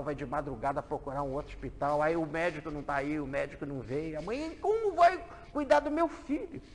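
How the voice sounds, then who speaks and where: A man with a Brazilian Portuguese accent giving an emphatic, conversational talk on a biblical parable, moving between loud fervour and soft low asides. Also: slight background noise. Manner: conversational, often adds tag questions. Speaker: lecturer on the gospels. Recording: echoey hall.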